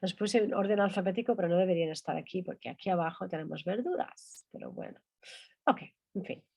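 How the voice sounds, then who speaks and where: Woman, language teacher, unhurried delivery, animated pitch, repeats words as drills. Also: vocal fry, husky. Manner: drills words by repeating them slowly, then explains. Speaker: English teacher. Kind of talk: online language class.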